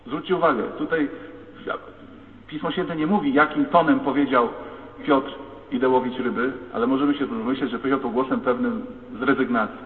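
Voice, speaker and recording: Man, priest, emphatic sermon, distant mic, thin phone-like sound. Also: on the high side. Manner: emphatic, rising to loud declamation. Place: church. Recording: echoey church heard from far, phone-like sound.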